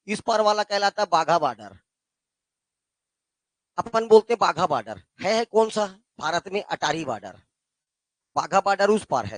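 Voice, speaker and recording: A man's voice: high-pitched, fairly bright tone, no echo. A male teacher with a Chhattisgarh Hindi accent, giving a classroom geography lesson and quizzing his students with call-and-response questions. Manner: addresses students as "beta".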